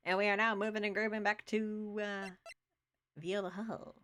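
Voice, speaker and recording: A woman's voice: mid-range voice, fairly bright tone, slight background noise. A woman voicing a game's story in a hammy old-time radio announcer style while playing it. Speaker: let's play streamer.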